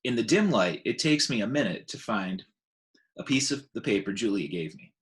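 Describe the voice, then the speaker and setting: A teacher reads a children's story aloud, his slightly low voice moving with very lively intonation at a moderate pace for an expressive narration.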